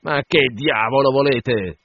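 A man's voice: medium pitch, lively intonation, moderate pace, slightly rough. A man voicing a sullen, irritable foreign ship's mate who answers curtly. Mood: grumpy. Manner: curt, sullen replies. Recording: dull lo-fi dry recording.

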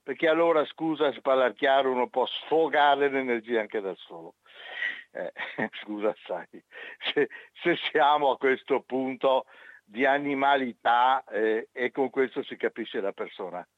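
A man calling in to a radio talk show over a landline phone, giving his opinion in a halting, emphatic way. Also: mid-range voice, no room sound. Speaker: phone-in caller. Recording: over a landline phone, tinny band-limited line.

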